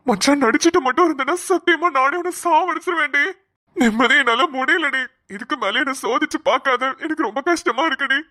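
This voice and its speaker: A woman voicing a distraught young man who cries and begs his injured love to wake up in an animated cartoon. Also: high-pitched, fairly quick, no echo, clean studio sound. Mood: grieving. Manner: pleading, sobbing, repeating her name. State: crying.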